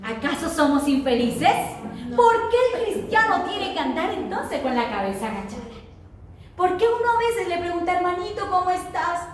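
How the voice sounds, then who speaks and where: A woman's voice: very high voice, big pitch swings, moderate pace. A woman preaching a sermon with call-and-response, emphatically asking the congregation to repeat her words. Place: church hall. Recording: very echoey hall, voice from far off. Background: congregation answering.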